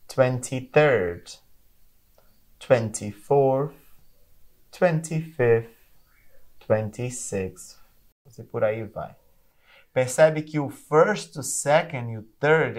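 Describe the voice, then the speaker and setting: A man with a Brazilian accent teaching an online English lesson, carefully drilling each English word between explanations. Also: medium pitch.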